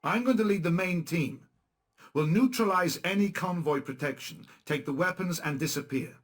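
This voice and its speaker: A high-sitting male voice at normal speed acts out a guerrilla commander in a video game. The briefing is blunt and matter-of-fact, laced with dry sarcasm.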